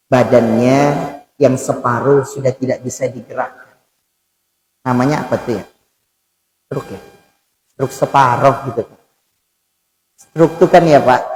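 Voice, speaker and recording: A male preacher giving a conversational sermon in a mosque. He keeps addressing the congregation directly and swings between loud bursts and soft asides. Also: mid-range voice, low-quality recording.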